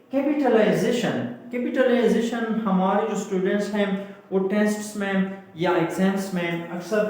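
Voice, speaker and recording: Guy teaching english grammar, high-ish voice, drags words out syllable by syllable, super echoey room. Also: a little mellow. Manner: repeats and stretches out words to stress syllables; writes on a board while explaining. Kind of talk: classroom-style grammar lesson.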